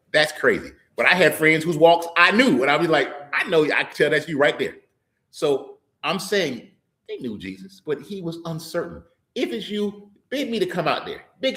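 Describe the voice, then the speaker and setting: A man preaching at a church service, his pitch rising and falling widely as he talks. He sounds emphatic and folksy and often stumbles and restarts his words. His voice sits at an ordinary middle pitch. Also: a bit bright. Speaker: lay preacher and trial lawyer. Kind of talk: sermon.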